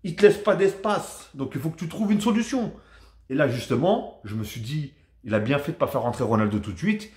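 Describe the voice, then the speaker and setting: A man from France giving a casual, rambling football match debrief to his viewers, chatty and animated. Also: a little high, fairly quick, roomy sound. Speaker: football vlogger.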